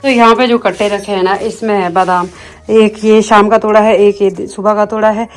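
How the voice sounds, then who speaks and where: A woman's voice: medium pitch, flat delivery, normal speed. A young woman, vlogging outdoors in her mountain village and chatting straight to the camera. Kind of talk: casual vlog narration.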